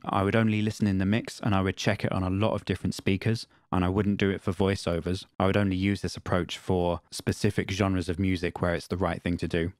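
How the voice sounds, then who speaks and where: A man teaching audio engineering in a screen-recorded software tutorial, explaining step by step and repeating a test phrase to demonstrate. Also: low-pitched, no room sound, studio quality.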